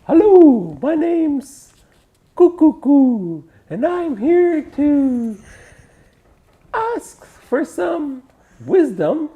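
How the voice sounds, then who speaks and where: A woman's voice: high voice, very animated, very slow, phone-quality sound, voice pushed up, exaggerated voice. A woman voicing a proud owl, with a hooting, slightly scratchy tone. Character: proud hooting owl, high-voiced and showy.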